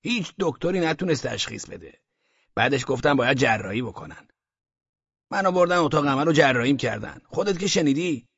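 A man's voice: medium pitch, animated, creaky, fairly bright tone, breathy edge, no echo, highs cut off, heavily acted. A man voicing a boastful, talkative grown man who complains while telling his own story in an audiobook. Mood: aggrieved boasting. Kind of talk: audiobook character reading.

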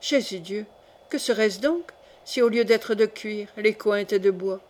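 A woman voicing a gruff male executioner who secretly helps his victim, with low hurried asides. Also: a little mellow, close to an everyday voice. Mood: hearty.

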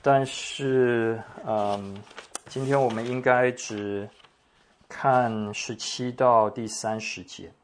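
A man preaching a sermon, reading scripture in a measured, deliberate way with pauses. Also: fairly low pitch, slight background noise. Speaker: pastor. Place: church meeting room.

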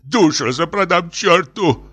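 Man voicing a tipsy professor, high-pitched, pleading, slow wailing, very lively voice. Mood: hysterical. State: drunk. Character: tipsy, distraught middle-aged male professor.

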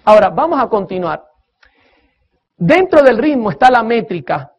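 A man's voice: very high-pitched, very animated, moderate pace, slightly rough. A man preaching a sermon-style lecture on music, emphatic, asking his listeners questions and counting beats aloud. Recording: dull lo-fi recording.

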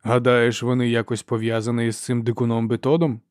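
A man's voice: mid-range voice, flat delivery, fairly quick, a little mellow, no room sound, close to an everyday voice. A man voicing a stern old male churchman who speaks in dry, clipped questions. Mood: cold, impatient. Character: old stern male archlector, cold and imperious.

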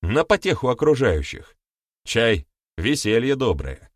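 A man's voice: mid-range voice, sing-song, measured pace, no echo, studio quality, voice pushed up. A man voicing a stern, scolding village smith in an audiobook, lecturing in a mock-solemn way. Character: gruff commanding male village smith. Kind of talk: audiobook character voice.

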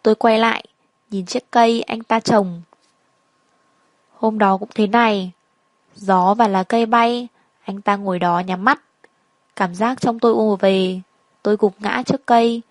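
A woman's voice: a little high, steady tone, a little slow, long pauses, no room sound. A woman telling a melancholy first-person story in a reflective narrating style.

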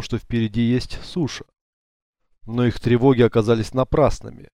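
A man narrating an audiobook in an even, measured storytelling manner, on a close studio mic. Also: medium pitch, dry recording. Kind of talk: scripted narration.

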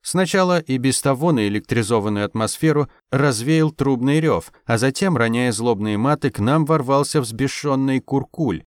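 A man narrating an audiobook in the first person with a wry, ironic touch. His voice sits in a middle pitch, and the recording is dry and close with no room sound. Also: normal speed, hardly any pauses, no echo. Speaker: audiobook reader.

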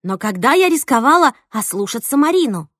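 A woman narrating a first-person audiobook with a higher voice that rises and falls freely. Her reading is playful and expressive. The recording is close and dry. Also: brisk, no room sound.

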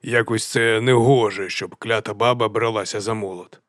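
A man voicing a fat, cheerful, half-mad male chieftain, drawling and sing-song, dropping to a hush and then booming. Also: fairly even intonation, normal speed, no room sound, clean studio sound, natural voice. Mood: jovial, unhinged. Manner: drawling and sing-song, swinging between hushed and loud. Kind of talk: audiobook character voice.

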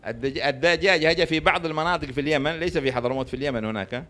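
A man's voice: a little high, rapid-fire, fairly bright tone. A man giving a sermon, telling jokes and stories and constantly asking his listeners rhetorical questions to prompt their answers. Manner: storytelling with jokes. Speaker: religious lecturer.

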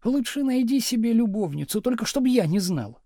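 A bitter young wife in an audiobook, as a man reads her, pitched far above his own voice and biting off each complaint. Her scolding is sharp and scornful, and the dry, close reading leaves no room around her. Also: very animated, brisk, no echo, full character voice. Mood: cold, weary. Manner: sharp, scolding, shouting at times.

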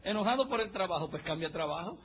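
High-voiced fiery preaching man. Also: expressive, quick pace, phone-quality sound, slight background noise. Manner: fiery, mocking preaching that rises to shouts. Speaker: pastor. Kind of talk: sermon. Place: church service.

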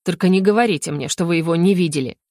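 A woman voicing a cold, stern male inquisitor who speaks slowly and measuredly, in an audiobook. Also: fairly low pitch, a little mellow, dry recording, studio quality, natural voice. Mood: icy. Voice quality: slow, measured, icy. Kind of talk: audiobook character voice.

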